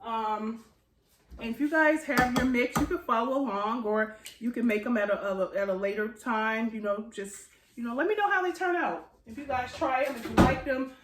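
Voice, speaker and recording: Speaking at a moderate pace in a slightly high voice with a congested nose, an American woman chats informally through a baking tutorial for her cooking channel. This home baker addresses viewers as "you guys," and the echoey room carries faint background noise.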